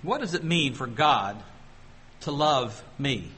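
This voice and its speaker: A man preaching a sermon, asking the congregation questions and slowing down to read scripture aloud. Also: mid-range voice, animated, bright, forceful tone, breathy edge. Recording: long hall reverb.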